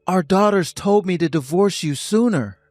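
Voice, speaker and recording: A man's voice: sits high, moderate pace, darkish tone, no room sound, studio quality, close to an everyday voice. A man playing a cold, lecturing husband. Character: stern husband ending a toxic marriage.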